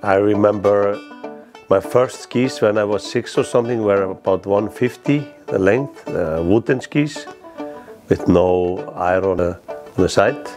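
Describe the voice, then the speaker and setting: In a documentary interview, a middle-aged man with an Icelandic accent from the East Fjords recalls memories in halting, plain English that isn't his first language. He has a fairly low pitch, and guitar music accompanies the clip.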